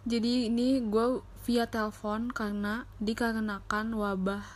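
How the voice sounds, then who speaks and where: A woman's voice: a little high, little pitch movement, a little slow. A young woman hosting a casual, slangy podcast, with an impediment that slurs her r sounds. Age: young adult. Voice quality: slurred r sounds, a speech impediment. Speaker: podcast host.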